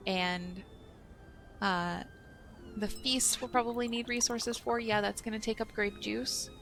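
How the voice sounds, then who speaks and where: A woman's voice: a little high, fairly even intonation, a little slow, a bit bright, soft background music. A young woman hosting a let's play, chatting casually and thinking aloud as she plays. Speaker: gaming channel host.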